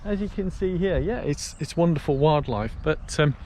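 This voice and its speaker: A British man with a slightly high voice records a casual walk-and-talk vlog. He chats in a storytelling way out in the open, with faint outdoor ambience and traffic noise behind him. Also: moderate pace, warm tone. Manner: chatty storytelling while walking outdoors. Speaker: vlogger. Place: outdoors on a canal path.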